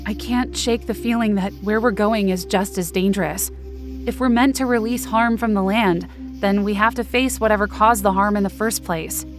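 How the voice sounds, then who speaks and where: Over music, a young woman voices the narrator and lead character of a supernatural audio drama, anxious yet determined, earnest and descriptive. Her mid-range voice is steady at a moderate pace, lightly acted, with an uneasy, hushed mood.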